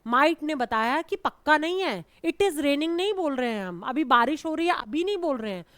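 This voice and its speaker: High-voiced Indian woman teaching grammar. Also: animated, normal speed, fairly bright tone, no room sound, studio quality. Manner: explains patiently, calls students "beta"; repeats and checks with "theek hai". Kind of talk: classroom grammar lesson.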